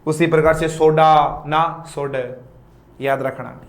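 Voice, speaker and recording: A man teaching a live online English grammar class in Hindi. He reads English example sentences slowly and then explains them in Hindi, playfully correcting mispronounced words. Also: fairly high pitch, fairly even intonation, reverberant.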